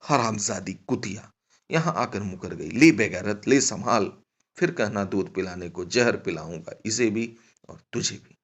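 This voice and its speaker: A man voicing a furious, foul-mouthed nomad woman, shouting curses in a raised voice. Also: fairly low pitch, big pitch swings, normal speed, vocal fry, heavily acted. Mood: cursing. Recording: dull lo-fi recording.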